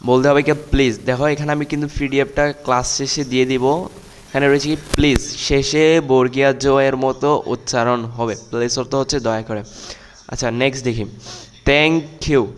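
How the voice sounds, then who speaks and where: A young man teaching English to children and stretching out each model word. His voice is smooth and resonant, and a long reverb trails behind it. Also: medium pitch. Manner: slow, drawn-out model pronunciation of English words; repeats and corrects words, addressing children directly. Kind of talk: spoken English lesson for children.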